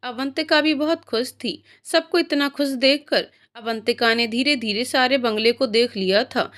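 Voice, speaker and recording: A woman narrating a moral story in a steady, clear reading. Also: a little high, unhurried.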